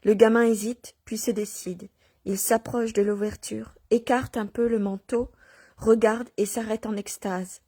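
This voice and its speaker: A woman reading a religious nativity story aloud at a measured pace, with pauses and small restarts. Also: a little high, level tone, warm tone, no echo. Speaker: reader.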